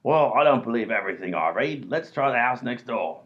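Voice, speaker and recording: Fairly quick and lively in intonation, a man with a natural mid-range voice plays a blustering, bumbling robber who is as dim as he is cocky, for a comedy radio play. The recording has a dull, lo-fi quality.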